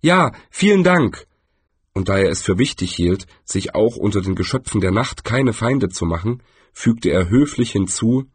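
A man reading a fantasy novel aloud in measured, low-key scripted narration, close to the mic. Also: a little mellow, slightly rough, no room sound. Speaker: audiobook narrator.

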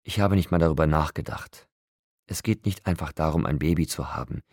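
A man reading an audiobook, voicing a frail young woman who answers quietly and stubbornly. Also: rumbling low, a little fast, vocal fry, no room sound, studio quality, full character voice.

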